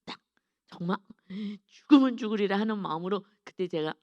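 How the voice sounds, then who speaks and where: A woman's voice: mid-range voice, animated, brisk, a little mellow, no echo, dull audio. A middle-aged woman pastor giving an earnest, confessional dawn sermon with emphatic stresses.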